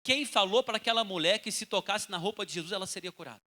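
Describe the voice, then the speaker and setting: A male pastor with a Brazilian Portuguese accent preaching a sermon, urging loudly and dropping to a hush for quoted lines. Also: high-pitched, fast. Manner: impassioned preaching, swinging between loud urging and hushed quotes.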